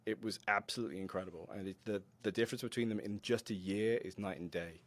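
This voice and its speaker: A man who mentors a robotics team, a podcast guest telling animated, self-deprecating stories with frequent laughter. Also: lowish voice, fast, no room sound. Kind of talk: conversational interview storytelling.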